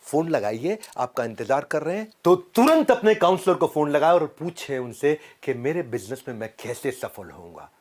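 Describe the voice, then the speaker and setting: A man in an energetic, dramatic sales pitch, full of punchy slogans and rhyming lines. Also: moderate pace, few pauses. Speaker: motivational speaker.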